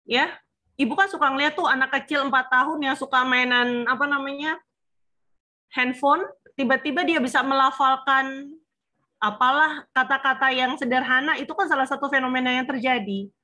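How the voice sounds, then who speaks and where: A woman's voice: sits high, steady tone, moderate pace, bright, forceful tone. A woman supervisor advising a student on her thesis plan, explaining patiently with frequent fillers. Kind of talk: online thesis consultation.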